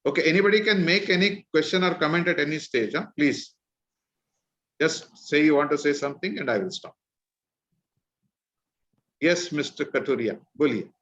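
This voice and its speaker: A man's voice: on the high side, normal speed, pauses often, fairly bright tone, slight background noise. A man with a North Indian accent leading an online discussion, explaining points informally and checking in with listeners. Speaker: discussion leader, presenter. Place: virtual meeting call. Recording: dull, lo-fi online call.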